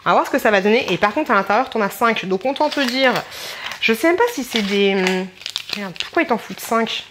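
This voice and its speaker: A woman's voice: a little high, expressive, a little fast, noisy background. Chatty woman vlogging a haul. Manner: chatty, rambling, addresses viewers informally. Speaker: beauty vlogger. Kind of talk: casual haul vlog chat.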